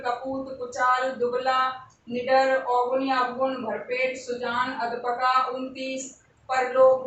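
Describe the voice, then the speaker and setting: Female teacher, high voice, deliberate exam-prep delivery, faint hum behind. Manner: slow, repeats each word for emphasis. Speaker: Hindi teacher. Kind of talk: exam-prep grammar lesson. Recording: echoey room, voice a bit far from the mic.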